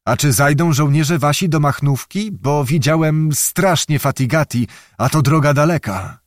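Man reading as old grumbling governor, complaining, loud exclamations, raised voice, dry audiobook sound. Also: fairly high pitch, normal speed, no echo, pitched above the performer's own voice, lightly acted. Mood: wary. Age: older. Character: grumbling old hungry nobleman, a provincial governor.

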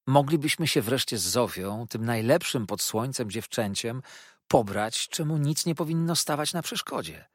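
Style: a man doing a gushing young newlywed lawyer. Quality: husky. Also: mid-range voice, expressive, normal speed, no room sound, clean studio sound, lightly acted. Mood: effusive. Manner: effusive, rambling, eager.

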